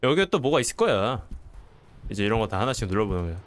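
A young man narrating a horror game as he plays, joking and swearing, and yelling when he gets startled. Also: fairly low pitch, very animated, fast talker. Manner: jumpy, swears and yells when startled, jokey asides. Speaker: gameplay streamer. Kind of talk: horror game let's play commentary.

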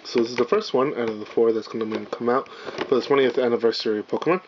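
Hoarse and raspy, his voice partly gone, a mid-range male host talks fast and casually while opening trading card packs for his channel, filling gaps with "um"s and apologies. He sits indoors at a table with the camera trained on the cards. The dull, lo-fi home recording carries a faint hiss.

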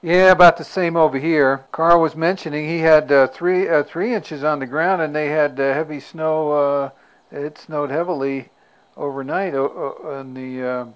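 A man checking in on an amateur radio net, heard over a radio link and speaking in unhurried radio procedure with call signs. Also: fairly high pitch, steady tone, clean tone. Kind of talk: casual radio net chat. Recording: muffled narrow-band radio audio.

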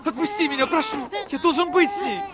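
Frantic high-voiced Russian teenage boy. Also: fast talker, a crowd in the background. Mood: frantic, pleading. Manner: frantic, screaming. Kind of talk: dramatic video game acting.

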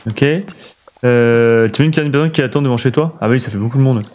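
A man's voice: medium pitch, a little fast, a little mellow, a little hiss or hum. A man streaming a building game, thinking aloud and chatting with his viewers in a casual way. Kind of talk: casual let's play commentary.

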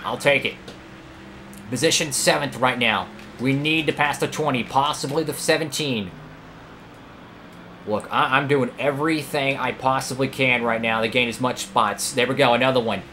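Bright-voiced excitable gaming commentator man. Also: medium pitch, normal speed, slight background noise. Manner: excitable, frequent outbursts and pleading with the car. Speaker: gaming YouTuber. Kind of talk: live racing game commentary.

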